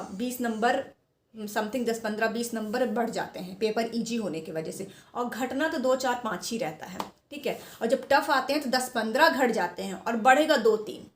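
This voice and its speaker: A woman talks students through exam preparation in a loose, chatty way, circling back and repeating herself. Her voice sits fairly high. The recording carries a noticeable echo of the room. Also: moderate pace. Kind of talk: informal advice talk to students.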